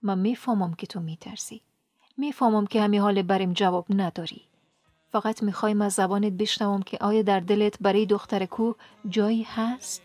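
A woman voicing a despairing young woman who softly pleads to be saved. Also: mid-range voice, fairly even intonation, no room sound, faint music behind, natural voice. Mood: tender.

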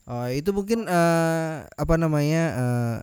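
A man hosting a relaxed podcast who keeps teasing his guest and laughing. His voice is smooth and warm, pitched a little high, in a dry, close recording. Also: a little slow, no room sound. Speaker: podcast host, radio announcer. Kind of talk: casual podcast chat.

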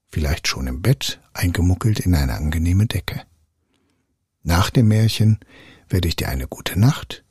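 A man reading a fairy tale as a calm, soothing bedtime story. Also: low voice, slightly rough, no echo, studio quality. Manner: slow, soothing, gently hushed. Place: online audio room.

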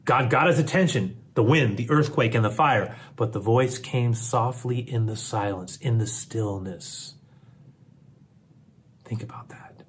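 A man preaching a sermon. He swings from forceful emphasis to a soft, almost whispered hush, and he repeats his phrases. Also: mid-range voice, measured pace, few pauses, slight background noise. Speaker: pastor.

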